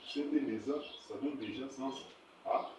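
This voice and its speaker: A man giving a spoken language lesson, explaining slowly with many fillers, stammered repeats and checks of whether his listeners understand. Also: mid-range voice. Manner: explains slowly, asks "vous comprenez?". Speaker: language teacher. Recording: echoey, distant, noisy room.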